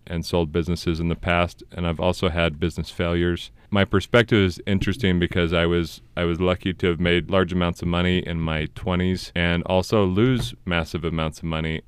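A man's voice: low voice, smooth, no room sound. A man in his thirties hosting a casual podcast, telling stories in an earnest way. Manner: earnest storytelling. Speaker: podcast host.

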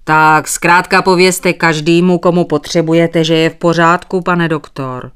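Stubborn, evasive old farmer man, as a woman puts him on in an audiobook, a bit high and loud. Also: steady tone, clear, resonant tone, lightly acted. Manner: politely evasive, keeps thanking. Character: stubborn old male sheep farmer, polite.

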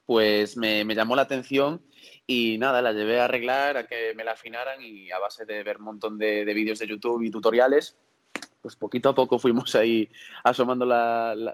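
A young man from Galicia, a singer interviewed on a podcast, who talks hesitantly, repeats words, and laughs often. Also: mid-range voice. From Galicia, Spain. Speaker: singer and guest.

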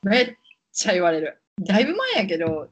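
A woman with a Kansai accent co-hosting a casual podcast chat, telling stories in an expressive, emphatic way with lots of giggles. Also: mid-range voice, a little fast, slightly rough. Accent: Kansai Japanese. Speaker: podcast co-host.

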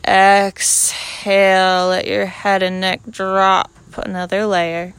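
Slow, smooth-voiced woman guiding yoga. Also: mid-range voice, dry recording. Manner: calm, unhurried cueing in short measured phrases. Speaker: yoga instructor. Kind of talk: guided yoga class instruction.

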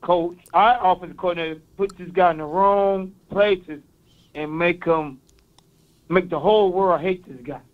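A caller from East Saint Louis phones into a sports talk show and earnestly rattles off statistics in his local accent. His voice is high-pitched and a little slow, and the audio sounds narrow and tinny.

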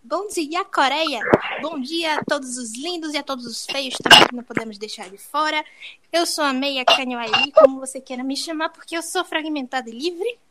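A woman's voice: high-pitched, normal speed, sharp tone, slight background noise, rough recording. A young woman from Brazil hosting a podcast, joking and telling stories in a playful, self-mocking way. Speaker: podcast host.

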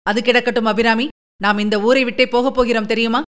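A woman's voice: fairly high pitch, fairly even intonation, brisk, fairly bright tone, lightly acted. A woman reading a story aloud and voicing a short-tempered young man in her own voice, curt and brusque.

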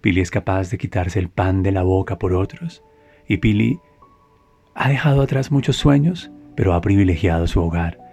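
A man's voice: deep voice, moderate pace, gravelly, a little mellow, husky, faint music behind, exaggerated voice. A man voicing an admiring woman friend. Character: grateful woman friend full of praise.

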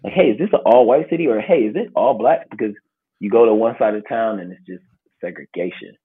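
Heard through a thin phone-quality line, this Milwaukee native, a travel series host appearing as a podcast guest, tells stories in a relaxed conversational way. He sounds brisk, husky and fairly low-pitched.

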